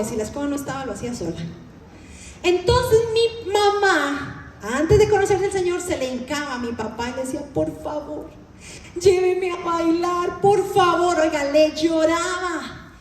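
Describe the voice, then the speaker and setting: A woman's voice: sits high, darkish tone, slight background noise. A woman preacher, telling stories in a sermon and acting out the voices of the people in them. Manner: storytelling with acted-out voices. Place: church. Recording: echoey church hall.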